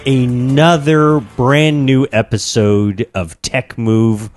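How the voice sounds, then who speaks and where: A man's voice: mid-range voice, steady tone, takes it slowly, soft background music. An American man hosting a podcast in casual, jokey chat, with showman-like, exaggerated phrasing. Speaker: podcast host.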